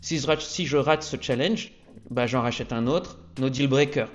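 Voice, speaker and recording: Energetic male explainer, conversational, slightly lo-fi recording. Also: mid-range voice, normal speed. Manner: energetic, peppers lines with "ok?". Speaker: trading youtuber. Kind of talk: casual explainer talk to camera.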